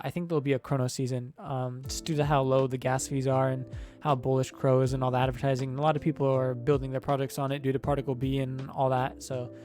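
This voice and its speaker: A man's voice: mid-range voice, a little mellow. A young man hosting a crypto channel, talking through his screen in a casual, rambling way with many fillers and restarts, his mouth sore so speech comes with some effort. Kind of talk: casual screen-share commentary.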